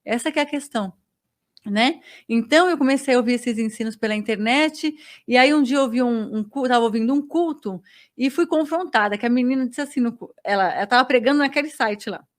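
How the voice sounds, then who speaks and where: A woman telling her faith testimony as a podcast guest, a lively storyteller who acts out dialogue. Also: fairly high pitch, brisk. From Brazil.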